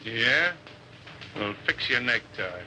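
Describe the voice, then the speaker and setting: Menacing, medium-pitched tough guy. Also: lively intonation, slow pace. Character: suspicious, threatening tough-guy boyfriend. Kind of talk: 1930s Hollywood film acting. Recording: noisy old film soundtrack.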